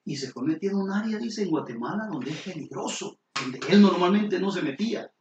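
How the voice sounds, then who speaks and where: A middle-aged man, preaching a sermon as pastor with lively storytelling and questions to the congregation. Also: high voice, fairly quick, noisy background. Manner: animated storytelling, sudden exclamations, rhetorical questions to the congregation. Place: church sanctuary. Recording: roomy hall, distant mic, dull and lo-fi.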